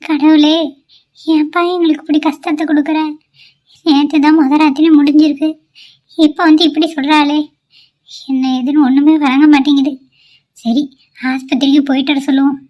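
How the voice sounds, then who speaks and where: A woman's voice: high voice, little pitch movement, moderate pace, pauses often, darkish tone, lightly acted. A woman voicing an anxious, caring middle-aged mother-in-law in a cartoon, soothing and fretful by turns. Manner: soothing, fretful, calls on god. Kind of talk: cartoon voice acting.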